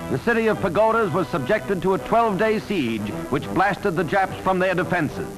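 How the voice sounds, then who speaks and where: Old newsreel guy, high voice, swings up and down a lot, loud music under him. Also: lively intonation, rough recording. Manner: brisk, emphatic announcer delivery. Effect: old newsreel soundtrack. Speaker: newsreel narrator. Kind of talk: 1940s newsreel narration. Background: loud music score.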